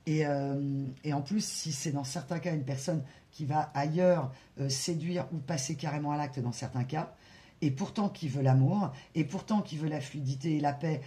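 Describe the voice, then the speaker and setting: A French-speaking card reader giving a spiritual guidance reading, talking slowly with many hesitations and asides to spirit guides. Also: medium pitch, warm tone. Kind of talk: tarot-style guidance reading to camera.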